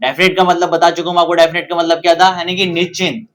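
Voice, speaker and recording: A man's voice: a little high, little pitch movement, quick pace, a bit bright. A man with an Indian English accent teaches a grammar lesson in a slightly raised voice. He drills example sentences over and over and keeps asking his students rhetorical questions. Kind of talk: classroom-style grammar lesson.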